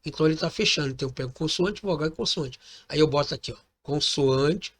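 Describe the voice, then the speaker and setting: A man teaches a recorded lesson, patiently explaining step by step, repeating points, and often checking in with listeners by ending phrases with "tá bom?" His voice is a little high and his pace quick.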